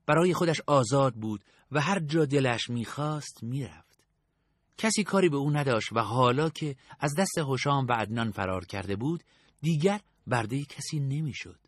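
A man narrating an audiobook story with a steady storytelling read. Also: mid-range voice, no echo, clean studio sound.

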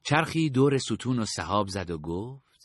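A man narrating an audiobook story with a steady storytelling read. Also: fairly low pitch, dry recording, clean studio sound.

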